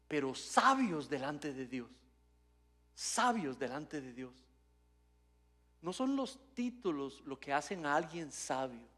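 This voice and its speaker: A man's voice: on the high side, fairly bright tone. A man preaching at a church service as pastor, teaching with rhetorical questions and long lists and building to emphatic passages. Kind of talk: Spanish-language sermon.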